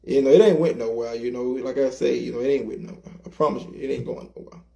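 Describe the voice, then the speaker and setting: A man's voice: medium pitch, fairly even intonation, fast talker, gravelly, warm tone. A man co-hosting a casual interview, earnest and preacherly, repeating himself for emphasis. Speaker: co-host, comedy skit creator.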